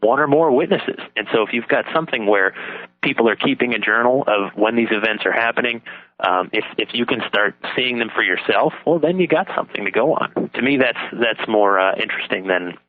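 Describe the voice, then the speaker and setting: A man being interviewed as a radio guest over the phone, talking casually in a halting, informal way. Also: medium pitch. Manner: halting, informal, repeats words as he thinks. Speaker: talk show guest, author and lecturer. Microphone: telephone call. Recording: tinny narrow phone line, dry.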